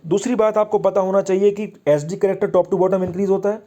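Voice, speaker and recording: A man's voice: high voice, level tone, fairly quick, dark tone. A man teaching a chemistry lesson for exam prep, explaining step by step and asking and answering his own questions.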